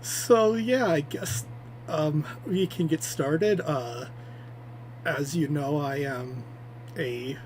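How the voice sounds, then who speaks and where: Nervous, rambling male streamer, a touch high, on livestream mic audio. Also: takes it slowly, darkish tone, slight background noise. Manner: nervous, rambling, self-deprecating. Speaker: VTuber streamer. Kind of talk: debut livestream self-introduction. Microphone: streaming microphone.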